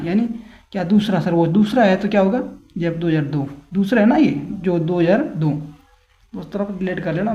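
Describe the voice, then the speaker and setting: A man's voice: high voice, mellow. An unwell man teaching an exam-prep lesson in a casual way, repeating himself, apologizing often and building memory tricks. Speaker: online exam tutor. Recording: echoey, dull lo-fi room recording.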